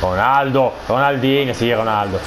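A man giving excited football video game commentary, explosive and foul-mouthed, cursing between shouted player names. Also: mid-range voice, normal speed, slight background noise, rough recording.

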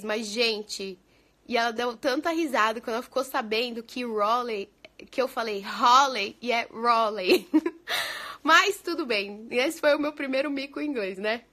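A woman's voice: a little high, sharp tone. A Brazilian woman, an English teacher, chatting casually and laughing often with viewers, mixing in English phrases. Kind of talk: casual live chat answering viewer questions. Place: home in the United States.

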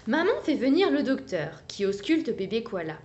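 A woman reading a picture book aloud for young children, animated and coaxing. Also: a little high, normal speed, lo-fi sound. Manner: animated, sing-song and coaxing. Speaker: children's story reader.

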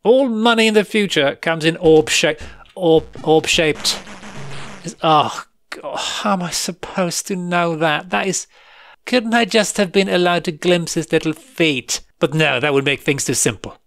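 A man's voice: a little high, lively intonation, unhurried, a bit bright. A man giving live commentary while playing a retro game, grumbling sarcastically and laughing at his own frustration. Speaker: retro gaming video host.

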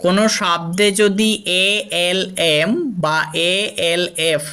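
A teacher from Bangladesh walks young children through English phonics in a bright, forceful voice. The tone is smooth and crisp, and each example word is spoken slowly and repeated so the class can follow. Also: medium pitch, steady tone.

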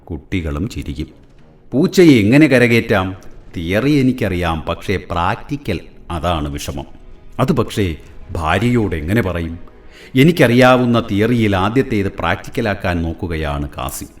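A man's voice: sits low, animated, unhurried, faint music behind. A man narrating a story for a school lesson in a wry, reflective first-person manner.

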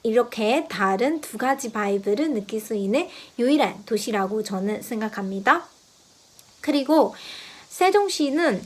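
Higher-voiced young Burmese-accented woman giving a speech. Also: a little hiss or hum. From Myanmar. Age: young adult. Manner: formal, polite presentation. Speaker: student speech contest entrant. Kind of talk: prepared speech in a second language.

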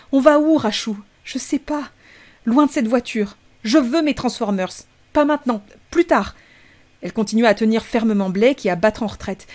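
A woman streamer reading a short story aloud in a measured, steady narration. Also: mid-range voice. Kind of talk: audiobook reading.

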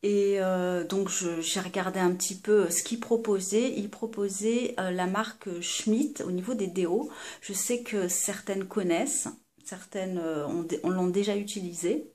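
A woman's voice: mid-range voice, steady tone, measured pace, mellow. A woman chatting casually to her viewers as she reviews a cosmetics order, with many hesitations, fillers and restarts. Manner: chatty, addresses viewers directly. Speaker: beauty vlogger.

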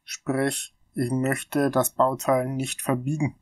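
This channel host, a man in his thirties fighting a stuffy cold, talks through technical calculations in a relaxed, thinking-aloud way, filling gaps with fillers. His medium-pitched voice holds a level tone at a slow pace. Recorded in a small room on a laptop webcam mic, it has no audible room sound.

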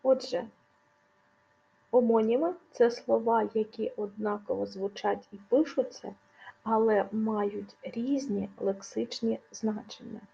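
Gravelly woman teaching a language lesson. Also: a little high, steady tone, a little slow, warm tone, lo-fi sound. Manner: clear explanatory delivery with stressed example words. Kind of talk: scripted video lesson.

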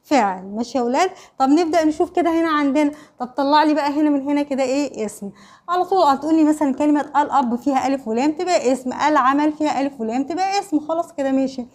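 In a high, darkish voice and at a rapid-fire pace, a woman with an Egyptian accent runs an online Arabic lesson for primary pupils. She asks and answers her own quiz questions, regularly adding "خلاص؟" or "ماشي؟" to check that they understand.

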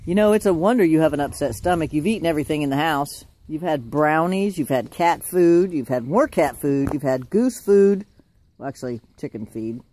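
A man's voice: a little high, expressive, moderate pace, darkish tone. A man at home chatting to the camera and cooing at his pet goose, teasing and laughing as he goes. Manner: chatty, teasing, laughs often, coos at the bird. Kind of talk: casual chat to camera and pet. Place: at home, outdoors by the driveway.

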